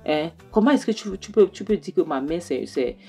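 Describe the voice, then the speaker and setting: An indignant young daughter, as a woman narrator reads her part in a retold film story, low-voiced and pressing her point again and again. Her tone is firm and stubborn. A soft bed of music sits behind her. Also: animated, moderate pace, breathy edge. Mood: defiant. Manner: indignant, repeating herself. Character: angry young daughter defending her mother.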